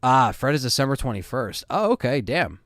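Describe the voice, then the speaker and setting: A man's voice: medium pitch, very animated, normal speed, fairly bright tone, no echo, studio quality. A man in his thirties hosting a live stream, chatting casually and reading viewer comments with loose fillers. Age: 30s.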